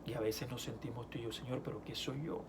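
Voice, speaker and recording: A man preaches in an easy, chatty way, stumbling over restarts, then lifts his voice when he reads scripture. His pitch sits in the middle range. A faint hiss of noise runs under the recording. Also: flat delivery, fast talker. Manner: conversational preaching with many restarts, rising loud when reading scripture. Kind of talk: sermon.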